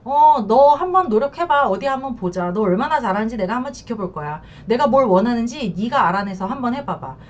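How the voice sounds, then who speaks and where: A woman's voice: fairly high pitch, lively intonation, fast talker, hardly any pauses, a little hiss or hum, lightly acted. A furious, scornful betrayed wife, as a woman counselor puts her on, barking taunts and orders with a voice that leaps up and down. The sound is dull and lo-fi. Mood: demanding. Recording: dull lo-fi recording.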